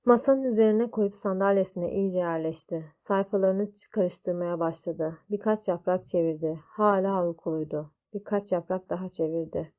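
A woman reading a children's story aloud, slow and deliberate. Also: fairly low pitch, dark tone.

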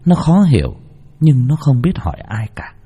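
A man narrating a ghost story vividly, swinging between hushed and lively. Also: mid-range voice, moderate pace, slightly rough. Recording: narration over soft background music.

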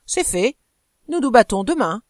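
A woman reads out a jealous husband from an old novel, a coarse nobleman who shouts his threats and sneers at his wife. His voice is forceful and stumbles when he gets worked up. The sound is dry and close. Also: mid-range voice, a little fast, no room sound, lightly acted. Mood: furious. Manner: loud, sneering and stammering in anger.

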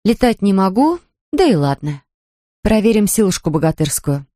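A lively nanny in a storybook reading, voiced by the woman reading, in a dry, close recording. She talks in quick, exclaiming bursts. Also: mid-range voice, dry recording.

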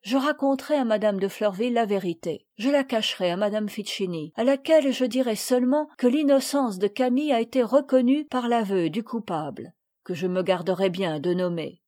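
A woman reading the part of a kind, composed noblewoman who speaks calmly and with gentle authority to children. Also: mid-range voice, fairly quick, natural voice. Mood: gentle, authoritative.

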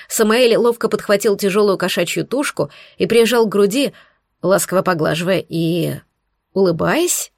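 A woman's voice: medium pitch, no room sound. Woman reading a fantasy audiobook in first person, wry tone, dry close mic. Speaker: audiobook narrator. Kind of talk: scripted narration.

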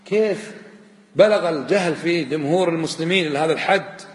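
Man, sheikh's religious lesson, high voice, emphatic repetition, rhetorical questions, roomy reverberant hall. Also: quick pace. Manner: emphatic, repeats words and quizzes listeners with rhetorical questions. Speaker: sheikh teaching a religious text. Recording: echoey hall with long reverb.

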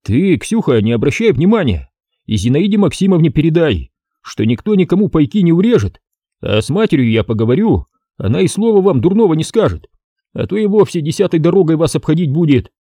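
A cocky young male lieutenant who teases the others, played by a man reading an audiobook. His voice is pushed higher than the narration and moves lively. The sound is dry and close. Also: a little fast, dry recording. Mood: teasing. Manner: teasing.

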